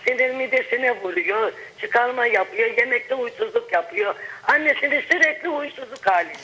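A woman's voice: a little high, moderate pace, pushed and bright. Older woman caller over a phone line. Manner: hesitant, repetitive, searching for words. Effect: over a telephone line. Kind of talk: call-in question to a TV program.

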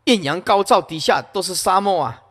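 Eager, excitable thirsty frog as voiced by a male preacher, told as a parable in a reverberant hall. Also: sits high, normal speed, breathy edge, exaggerated voice. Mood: worried. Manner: excitable, exclaiming.

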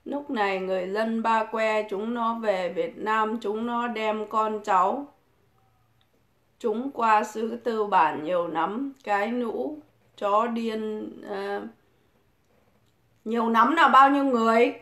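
A woman's voice: a little high, slow pace, pushed and bright. Taunting woman, echoey room. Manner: mocking, provoking, swears constantly. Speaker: livestream host. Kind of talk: crude taunting livestream rant.

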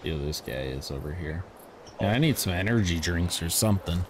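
A man hosting a casual multiplayer gaming session, relaxed and explaining the controls to his friends. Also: deep voice, a little fast, a little hiss or hum. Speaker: gaming channel host.

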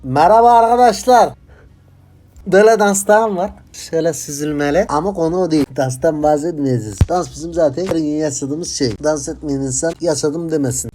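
A man playing an excitable dance lover in a comedy sketch, gushing about dancing. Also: a little high, brisk, soft background music, close to an everyday voice. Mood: excited. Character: excitable male dance enthusiast.

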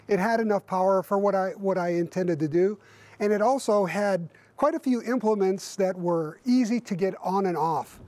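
Speaking high with a darkish tone, this fiftysomething man gives a casual to-camera review of his tractor beside a barn on a winter day. He explains loosely, with plenty of fillers and false starts, and the recording is dry.

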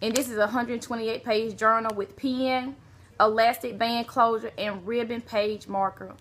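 Woman vlogger, bright, slightly high voice, excitable and gushing, casual unboxing chat. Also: a little slow, slight background noise. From Alabama. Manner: gushing, exclaims often, talks to viewers as y'all. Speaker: beauty vlogger. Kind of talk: casual mail swap unboxing.

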